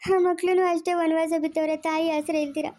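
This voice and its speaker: A woman's voice: high voice, flat delivery, fast talker, warm tone, lightly acted. A woman playing a tearful mother who begs, crying, for her children to be spared. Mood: tearful pleading. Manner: begging, emotional. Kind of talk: family drama acting.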